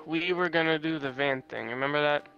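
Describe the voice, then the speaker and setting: A man in a casual let's-play, joking around with laid-back slang. His voice is bright and slightly high, and the recording sounds dull and lo-fi. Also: brisk, gravelly. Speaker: game streamer.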